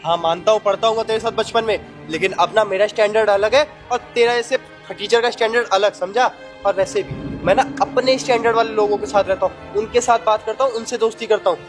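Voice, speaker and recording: A man's voice: high voice, steady tone, quick pace, music in the background, natural voice. A man playing an arrogant rich snob. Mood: boastful. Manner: insulting, contemptuous. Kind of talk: amateur skit acting.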